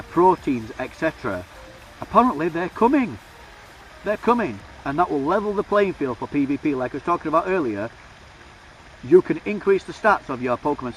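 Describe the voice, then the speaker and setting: A man in a casual vlog, talking fast and excitedly about game news. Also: mid-range voice, recorded from a distance, a little hiss or hum, rough recording. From United Kingdom. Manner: excitable, enthusiastic, talks fast. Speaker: YouTuber.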